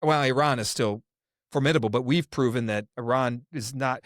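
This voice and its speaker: A male podcast host, medium-pitched and at a moderate pace, chats casually about politics on a dry, studio-quality recording. He is opinionated and rambling and often restarts his sentences.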